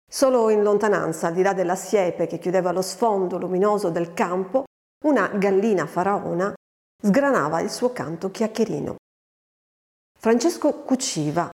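A woman narrating a literary story in a measured, expressive way, recorded with a long reverb. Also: medium pitch. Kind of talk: literary audiobook reading.

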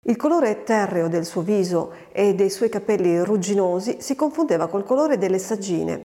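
Woman reading a story in a reverberant hall. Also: mid-range voice. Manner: measured, expressive storytelling. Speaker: narrator. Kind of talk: literary audiobook reading.

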